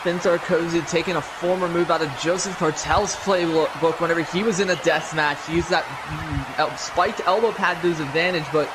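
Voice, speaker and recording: A man's voice: on the high side, steady tone, moderate pace, hardly any pauses, background noise. A man providing color commentary on a video game wrestling match, incredulous and exclamatory.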